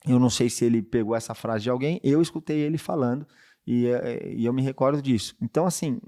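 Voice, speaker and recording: A man talks casually on a podcast, coaching sales brokers in a loose, conversational way. He keeps checking in with the listener through short tag questions, and his pitch sits in an ordinary middle range. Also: fast, mellow. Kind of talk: casual advice talk.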